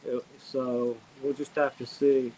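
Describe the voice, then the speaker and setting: A man's voice: medium pitch, little pitch movement, takes it slowly, mellow, low-quality recording. A man giving a casual live storm update to viewers in a rambling, hesitant, conversational way. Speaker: livestreamer giving a hurricane update. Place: outdoors outside own house ahead of a storm.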